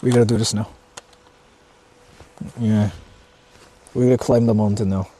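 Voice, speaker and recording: His voice is lowish and mellow with a breathy edge, steady in tone and moderate in pace. A native Japanese speaker from Japan, he hosts a live stream on foot in the countryside, chatting, thinking aloud, repeating himself, and cursing casually amid exclamations. The stream is noisy, with vehicles heard around him.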